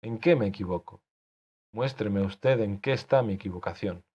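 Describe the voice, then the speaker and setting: A man's voice: lowish voice, normal speed, warm tone, slightly rough. A man reading an audiobook, voicing an anxious young man who pleads with and defies his author. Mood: pleading. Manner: pleading, agitated. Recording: dull lo-fi recording.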